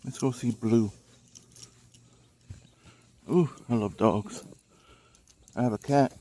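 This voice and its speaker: Male vlogger, relaxed dark tone, heavy breather, casual unhurried murmuring outdoors with faint ambient noise. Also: mid-range voice. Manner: unhurried, murmured remarks while walking around. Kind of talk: casual outdoor vlog, rambling to viewers. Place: outdoors in a yard with cicadas. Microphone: handheld phone. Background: faint outdoor ambience, cicadas.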